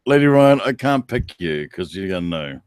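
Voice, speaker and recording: Man, New Zealand accent, casual livestream host, teasing, lowish voice. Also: sing-song, normal speed, clear, resonant tone, dry recording, clean studio sound. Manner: laid-back, teasing, chats to viewers by name. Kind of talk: casual livestream chat with viewers.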